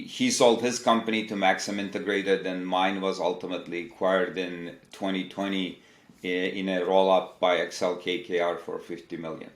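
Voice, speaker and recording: A man in his fifties from Turkey, a company CEO, answering interview questions in a measured, explanatory way. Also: low voice, a bit bright. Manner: measured, explanatory, lists examples. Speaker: tech company CEO, guest. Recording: echoey room.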